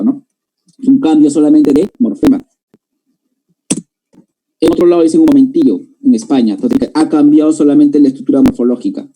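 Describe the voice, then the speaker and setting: The speaker is a man from Peru, his Spanish marked by a Lima accent, giving a classroom language lecture in careful steps and often asking if everyone follows. He has a high-leaning, dark, husky voice. The recording quality is low.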